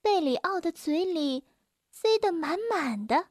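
Slow, gentle woman reading a storybook. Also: very high-pitched, animated, no room sound, clean studio sound. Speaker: children's story reader. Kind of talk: reading a children's story aloud.

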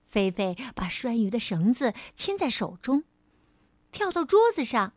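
Casting note: woman storyteller for a children's picture book, high, unhurried and expressive, close and dry. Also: no room sound. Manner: gentle, expressive, lingering on phrases.

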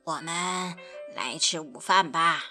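A woman voicing a patient, gentle grandmother in a storybook, speaking softly and soothingly in a lowered voice. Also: expressive, takes it slowly, soft background music. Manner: soft and soothing.

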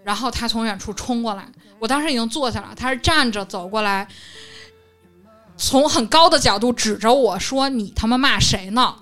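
A young woman, telling a story in lively casual chat and acting out the quotes. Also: on the high side, moderate pace, faint music behind. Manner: lively, animated retelling, acts out quotes. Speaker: podcast co-host.

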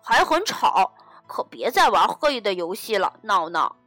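A woman's voice: medium pitch, very animated, measured pace, fairly bright tone, no room sound, soft background music, pitched below the performer's own voice. A woman voicing a young hedgehog in a children's storybook. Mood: plain. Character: grumpy sleepy young hedgehog.

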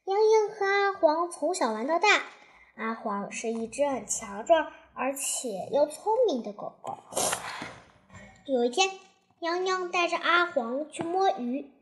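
A woman narrating a children's story in a lively, expressive way. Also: high voice, a little slow.

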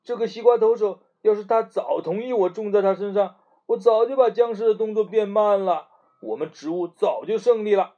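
A man voicing a small, eager ice melon plant in a children's story, higher and excited. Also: moderate pace, natural voice. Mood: boastful. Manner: higher, excited, whiny when hurt. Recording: muffled lo-fi recording.

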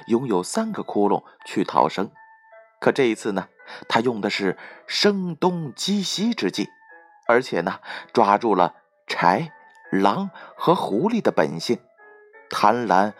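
A male storyteller reads a children's fable aloud. His voice sits in a middle pitch, but it swings up and down a lot, keeping the telling animated and expressive. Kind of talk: scripted storybook narration.

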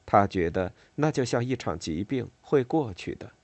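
Low, expressive male audiobook narrator. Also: no room sound. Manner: measured reading with expressive, varied intonation. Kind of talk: scripted novel narration.

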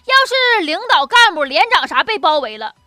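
A high-voiced woman with a Northeastern Chinese accent delivers a comic monologue. Her intonation swings widely, and she talks in a folksy, chatty way as a show host. Music plays behind her. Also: very animated, a little fast, bright, forceful tone, no echo, clean studio sound. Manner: chatty, folksy, often chuckling. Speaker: comedy talk show host. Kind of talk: comic monologue with jokes and anecdotes.

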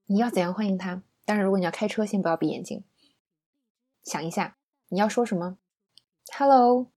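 A woman's voice: medium pitch, a little mellow, slightly rough. A young woman teaching an English lesson in a chatty, playful way, often asking her listeners rhetorical questions.

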